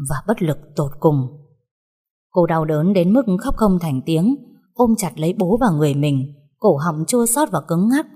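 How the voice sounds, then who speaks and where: A woman narrating a dramatic story in a measured, somber way. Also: lowish voice, mellow, husky. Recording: long reverb.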